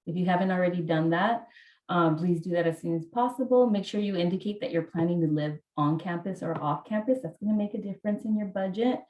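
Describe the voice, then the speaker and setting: A woman's voice: fairly low pitch, brisk, muffled recording. Woman, financial aid officer, helpful and patient, room echo on a video call. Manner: helpful, repeats key steps. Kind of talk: casual video-call Q&A answers.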